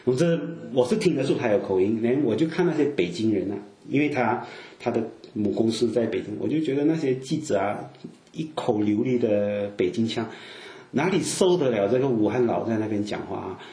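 A man's voice: medium pitch, expressive, fairly quick, mellow, echoey room. A man from southern China with a southern accent, preaching a sermon in a loose, conversational way full of fillers and asides. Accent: southern Chinese.

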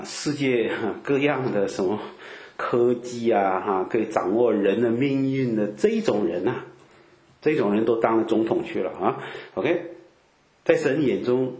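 A man preaching in a relaxed, conversational way, filling his talk with drawn-out "ah" sounds and rhetorical questions. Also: medium pitch, echoey room. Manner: chatty, peppers speech with drawn-out "ah" fillers and rhetorical questions. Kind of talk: conversational Bible teaching.

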